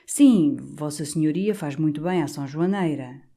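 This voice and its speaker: A man's voice: on the high side, moderate pace, warm tone. A woman playing a servile, timid coadjutor. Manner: timid, deferential, whining. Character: servile, envious male coadjutor priest.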